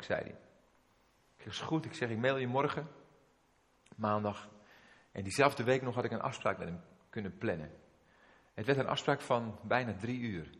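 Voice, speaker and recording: A middle-aged man preaching a sermon, telling a personal story emotionally with frequent restarts and asides. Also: medium pitch. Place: church. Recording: long reverb of a church hall.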